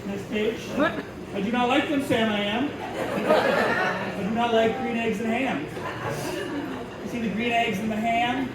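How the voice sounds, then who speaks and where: A man's voice: extremely high pitch, a little slow, long pauses. A man doing a mock-sweet storytime teacher, echoey venue. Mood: mock-innocent. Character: elementary teacher reading storytime, sugary yet crudely inappropriate. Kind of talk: stand-up comedy act-out. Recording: very echoey venue, distant mic, loud crowd, noise.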